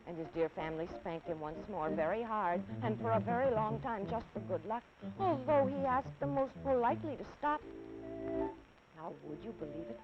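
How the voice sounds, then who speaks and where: Animated woman telling a children's story. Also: mid-range voice, normal speed. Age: 30s. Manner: animated, dramatic, rhythmic. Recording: dull lo-fi 1950s TV kinescope.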